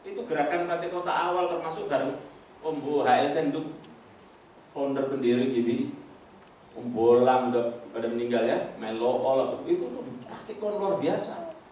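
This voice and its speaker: An older pastor delivers a sermon testimony in a church hall, spinning lively personal stories, acting out other people's voices and tossing asides to the congregation. His voice is medium in pitch and moves at a normal speed. The recording is echoey and distant, with a little hiss or hum.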